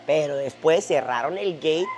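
A woman's voice: low voice, normal speed, a little mellow. A woman, chatting and laughing as she tells a travel story while walking outdoors, on a lapel mic. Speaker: fitness vlogger. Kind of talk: casual travel vlog storytelling. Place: outdoors at a tropical resort.

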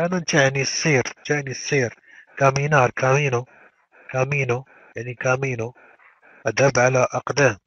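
Man teaching, drilling verbs slowly. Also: mid-range voice, a bit bright, slightly rough, no room sound, highs cut off. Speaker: language teacher. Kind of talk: classroom lecture.

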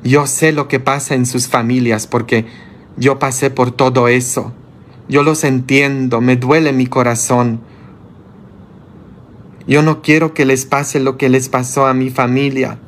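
Blunt, slow-preaching priest. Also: male voice, steady tone. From Poland. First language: Polish. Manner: blunt, scolding, rhetorical questions, sudden high outbursts. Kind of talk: sermon.

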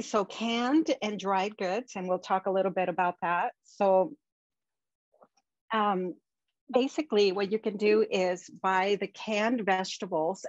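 A woman's voice: lowish voice, dry recording. A woman presenting slides over a video call, giving practical tips in a conversational way with frequent ums. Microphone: video call webcam. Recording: dull, dry webcam audio.

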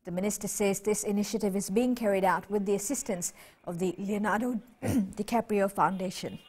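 A woman's voice: mid-range voice, normal speed, a little mellow, husky. A young woman anchoring a scripted television news bulletin in a studio. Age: young adult.

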